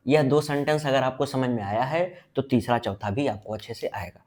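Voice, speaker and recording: A man giving a blackboard grammar lesson, asking questions and answering them himself, and slowly stretching out his example sentences. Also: medium pitch, a little mellow. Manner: drawn-out emphasis on example sentences. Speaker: English teacher.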